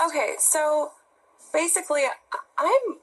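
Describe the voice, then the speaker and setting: A woman in her twenties being interviewed on television, answering in a halting, defensive way. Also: high-pitched, expressive, poor audio. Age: 20s. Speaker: interview guest. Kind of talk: broadcast news interview.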